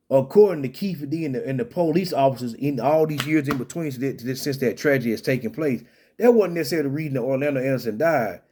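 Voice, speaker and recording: A man's voice: a little high, warm tone. A man talking through a story in casual solo commentary, rambling with many restarts and fillers.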